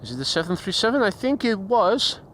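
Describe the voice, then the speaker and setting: Standing outside near an airport with a handheld shotgun mic, a Dutch-accented man from the Netherlands livestreams plane spotting, chatting casually, reading chat aloud and mimicking sounds. He talks fairly quickly in a high, very animated, fairly bright voice. There's slight background noise.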